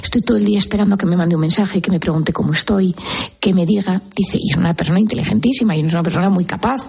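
A woman's voice: mid-range voice, very fast, creaky, darkish tone, slightly rough. A woman with a Spain Spanish accent, a psychiatrist guest on a radio show, explaining earnestly and posing example questions.

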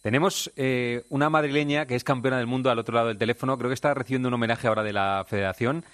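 A man's voice: mid-range voice, fairly even intonation, fairly bright tone, no room sound. A man from Spain hosting a radio show, chatty and enthusiastic as he interviews a guest. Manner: chatty, enthusiastic, fast-talking. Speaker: radio host.

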